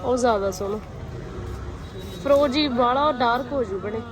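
A woman's voice: on the high side, moderate pace. A woman with a Punjabi accent in casual conversation while shopping. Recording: busy crowd chatter behind.

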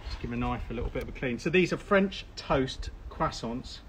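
A man's voice: mid-range voice, expressive, normal speed, a bit bright. Man, live cooking host, chatty, outdoors by the grill, noisy open-air sound. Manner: chatty, talks while eating, laughs often. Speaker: cooking demonstrator.

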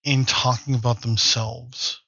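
A man's voice: mid-range voice, little pitch movement, unhurried, vocal fry, bright, forceful tone, breathy edge, no room sound, dull audio. A man chatting casually while playing a game, laid-back and swearing freely. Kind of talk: casual chat while gaming.

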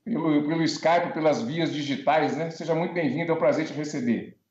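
A man's voice: a little high, brisk, a little mellow, echoey room. Brazilian man, middle-aged, chatty talk-show host on a dull-sounding video call. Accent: Brazilian Portuguese. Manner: welcoming, chatty, frequent tag questions. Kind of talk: live online talk show. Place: home room with bookshelves.

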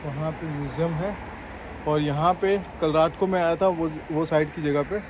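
A man from Gujarat, India, films a walking tour vlog and keeps excitedly telling viewers to look around. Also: fairly high pitch, moderate pace, a little hiss or hum. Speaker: travel vlogger. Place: underground cafe, then outdoors on city streets. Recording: music playing behind the voice.

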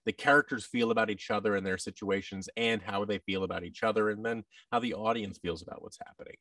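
Talking quickly, this low-voiced American man has a pushed, bright delivery and sounds a little far from the mic. He's an actor and voice-over artist chatting casually as an interview guest over video call. The recording is dry, made on a boom-arm mic and headset in a large indoor room with tables.

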